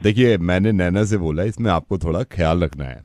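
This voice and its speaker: A man hosting a radio prank call, posing as a doctor and talking to the caller in a calm, patronizing way. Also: low-pitched, brisk, no echo, studio quality. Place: radio studio.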